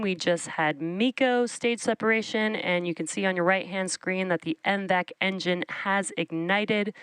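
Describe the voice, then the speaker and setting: A woman's voice: lowish voice, a bit bright, clear, resonant tone, no echo, poor audio. A woman hosting live launch commentary, presenting and explaining each step. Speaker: launch webcast host.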